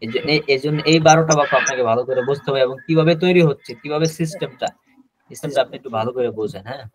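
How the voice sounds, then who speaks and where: A man teaching a spoken-English class over a video call, repeating each example slowly and drilling pronunciation. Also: medium pitch.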